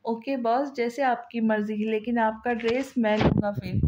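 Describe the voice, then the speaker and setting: A woman reading the lines of a young man who is a tender, devoted lover, in a soft, coaxing way. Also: fairly high pitch, steady tone, moderate pace, very noisy, lightly acted. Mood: doting.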